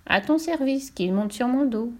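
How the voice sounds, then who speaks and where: A woman's voice: high voice, expressive, moderate pace, voice pushed up. A helpful magic frog from a fairy-tale storybook speaks in a raised, bouncy, eager voice, as a woman puts it on. The frog sounds obliging and light.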